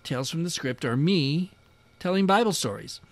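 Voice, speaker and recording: A man's voice: on the high side, lively intonation, moderate pace, no room sound. A man hosting a podcast in a casual monologue, chatty and self-deprecating with a dry, sarcastic humor. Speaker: podcast host.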